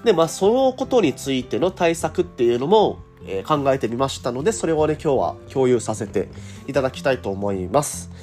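A man with a mid-pitched voice that is hoarse and scratchy from a cold hosts a casual morning show. He talks in a chatty, polite manner, as if to regular listeners. Music plays behind him. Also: big pitch swings, fairly quick, a little mellow. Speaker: radio host and cycling tour guide. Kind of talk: casual morning radio monologue.

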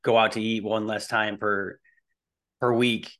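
A fitness and nutrition coach in his early forties, interviewed on a podcast, speaks a little slowly in a fairly low, slightly bright voice with flat delivery. His explanations are casual, informal and rambling.

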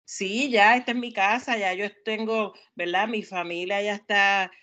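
A woman's voice: medium pitch, steady tone, unhurried, pushed and bright, dull audio. A Puerto Rican woman co-hosting a podcast, speaking earnestly and giving direct, emphatic advice. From Puerto Rico. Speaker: podcast co-host. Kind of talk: casual chat.

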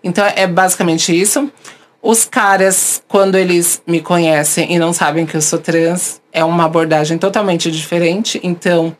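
A woman, a podcast host now interviewed, telling candid personal stories and acting out the people she quotes. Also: low voice. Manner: animated, acts out the voices of people she quotes.

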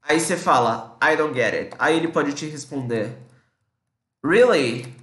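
A man with a Brazilian accent teaching English in a casual lesson, explaining in Portuguese and saying English phrases slowly. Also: a little high, fairly bright tone, roomy sound.

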